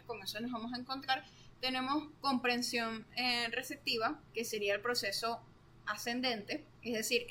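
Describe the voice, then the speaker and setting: A woman's voice: fairly high pitch, bright, forceful tone, slight background noise. A young woman explains course material in a casual, chatty way, full of fillers.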